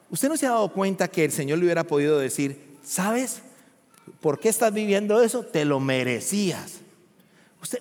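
A male pastor preaching emphatically, asking rhetorical questions and rising to loud peaks. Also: high-pitched. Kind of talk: sermon. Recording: long hall reverb.

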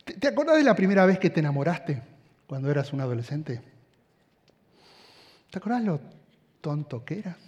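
A middle-aged man with an Argentine accent preaching a sermon, an animated storyteller who swings from hushed tones to shouting. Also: on the high side, fairly quick, pauses often. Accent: Argentine Spanish. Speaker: pastor. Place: large hall with audience. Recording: long hall reverb.

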